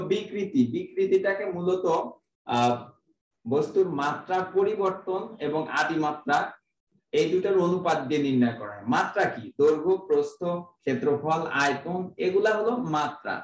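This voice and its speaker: A man with a Bangladeshi Bengali accent teaches a physics lesson in a fairly high voice. He poses questions and answers them himself, and he uses everyday examples. The sound is roomy and echoey, picked up from some distance off the mic. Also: slight background noise. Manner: explains step by step, asks and answers own questions. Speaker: physics lecturer. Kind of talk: classroom lecture.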